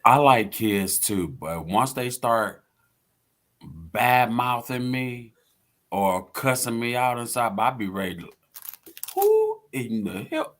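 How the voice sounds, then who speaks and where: Man, casual chat, bright voice, unhurried, playful, emphatic, laughs a lot. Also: medium pitch.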